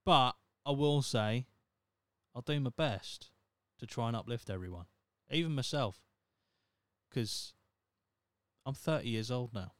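Speaking at a measured pace in a mid-range, slightly bright voice, a thirty-year-old man rambles through his casual solo podcast. He's wry and pokes fun at himself, swearing plenty, with no room sound.

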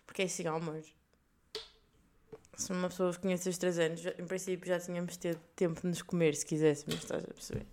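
A young woman with a European Portuguese accent hosting a podcast, telling stories in a casual, crude, joking way with sudden loud outbursts. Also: on the low side, level tone, fast, slight background noise. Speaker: podcast host. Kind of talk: casual monologue.

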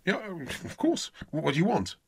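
A man's voice: a little high, huge pitch swings, moderate pace, creaky, a little mellow, slightly rough, dry recording. A man from Essex, an accent coach in a comedy sketch interview, talking in a pompous, self-important way. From Essex, England.

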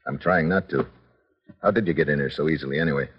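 An actor playing a tough, cocky, slangy reporter in an old-time radio adventure serial, with a sardonic, hard-boiled delivery. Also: male voice, a bass voice, fast talker, husky, long reverb tail. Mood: cool, pressing. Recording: dull, lo-fi old radio recording.

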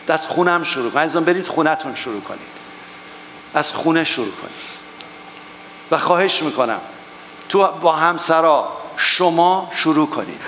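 A man pastor closing his sermon in fervent prayer, his voice climbing to emphatic high peaks. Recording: church hall reverb with guitar music. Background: soft guitar playing.

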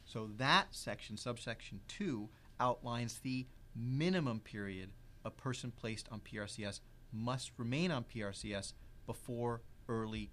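A man explaining legal rules in an interview, measured and precise, stressing key words. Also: mid-range voice, fairly bright tone, slight background noise. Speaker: legal expert guest.

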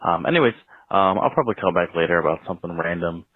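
A man's voice: low voice, animated, fast talker, no echo. A man calling in to a podcast, leaving a rambling, hesitant voicemail over a landline phone, with many ums. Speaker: caller. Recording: tinny phone line.

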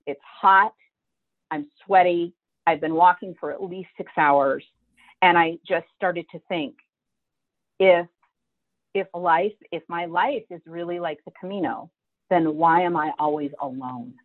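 A woman's voice: fairly low pitch, steady tone, unhurried, long pauses. A middle-aged woman telling her own story as a guest, vivid and emotional, acting out what she thought back then. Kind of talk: personal storytelling. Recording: tinny phone-like line.

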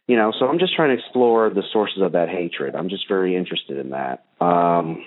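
A man's voice: low voice, lively intonation, moderate pace. Man talking over a tinny phone line. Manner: rambling, many ums and uhs. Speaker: call-in show host. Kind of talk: casual rambling monologue.

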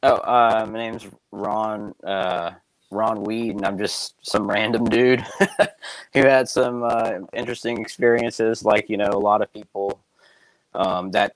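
A man guesting on a podcast from a remote call, talking through earbud headphones with a crackling, distorted mic signal and a halting way of speaking. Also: lowish voice, no echo. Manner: halting, full of fillers like "uh" and "you know". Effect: crackling, distorted mic audio. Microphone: iPhone earbud headset mic over a streaming call.

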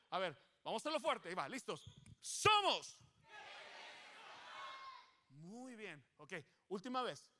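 A male pastor preaches to his congregation in a high, bright voice. He is animated and playful, coaxing the crowd into call-and-response and teasing them to stay awake. The sermon moves between encouragement and light jokes. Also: slight background noise. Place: church service before a congregation.

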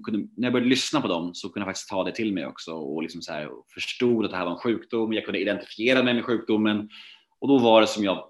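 A man's voice: low-pitched, fairly bright tone. A man telling his recovery story in a casual, rambling way, full of fillers and restarts.

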